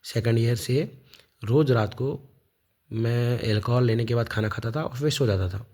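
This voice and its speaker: Man, 30s, from India; soft warm tone, rambling off-the-cuff monologue, lots of fillers and restarts. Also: mid-range voice, normal speed. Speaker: vlogger. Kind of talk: casual spoken monologue.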